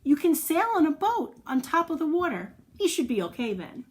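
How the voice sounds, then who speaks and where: A children's storyteller with a high voice and big pitch swings reads a picture book aloud to young children at normal speed. She reads expressively, adding playful asides, questions and little sound effects.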